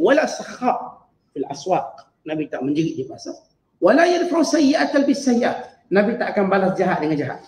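A man with a Malaysian Malay accent teaching a Quran exegesis lesson, chanting Arabic verses slowly and then explaining them in lively everyday speech. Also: on the high side, reverberant, poor audio. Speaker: religious teacher.

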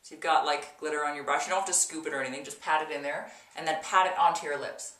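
A woman's voice: sits low, steady tone, fast talker, a bit bright. A woman in her thirties giving a casual, emphatic tutorial to camera in an echoey bathroom, repeating words for emphasis. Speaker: video host, makeup tutorial presenter. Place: small indoor bathroom. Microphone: camera mic a little way off. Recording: echoey bathroom, mic at a distance.

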